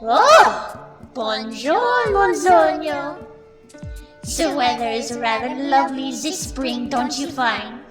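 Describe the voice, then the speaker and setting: A flamboyant, cheerfully mad captain of a comic wasteland, high in pitch and grandly pompous. The delivery is slow and theatrical, ringing with long reverb over loud music. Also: female voice, animated. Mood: airy, courtly. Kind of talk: theatrical comic dub acting.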